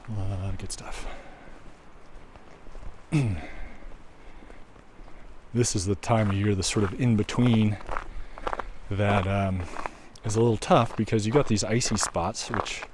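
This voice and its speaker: A man walking a snowy trail outdoors and chatting casually to his viewers, relaxed and musing, with a mic on the camera. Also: on the low side, takes it slowly, long pauses. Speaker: walking video host. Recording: outdoor recording with stream noise.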